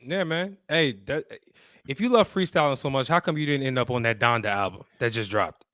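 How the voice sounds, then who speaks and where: A man hosting a casual comedic podcast in slangy, repetitive banter, his voice raspy and worn from partying. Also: mid-range voice, a little fast, fairly bright tone, no room sound, clean studio sound. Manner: bantering, slangy, repeats phrases. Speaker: podcast host.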